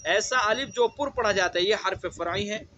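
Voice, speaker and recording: A man teaching Quran recitation in an online lesson, explaining step by step, saying example words slowly and often asking whether the point is clear. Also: sits high, sharp tone, dull audio, a little hiss or hum. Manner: explains step by step, repeats words slowly, asks checking questions.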